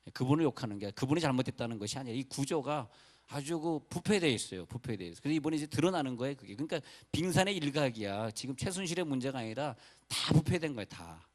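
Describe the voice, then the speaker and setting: A man's voice: medium pitch, animated, fast. A male pastor from North Korea preaching a sermon in a loose, chatty way, with rambling asides and apologies to the congregation.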